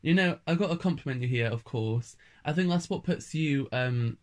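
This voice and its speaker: A man's voice: medium pitch, expressive, normal speed, a little mellow. A man interviewing a guest in casual chat, eager and complimentary.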